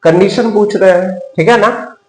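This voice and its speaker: A man's voice: sits high, moderate pace, a little mellow, echoey room, low-quality recording. A man with an Indian English accent teaching English step by step, mixing Hindi and English and repeating each example sentence. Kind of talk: slow classroom explanation.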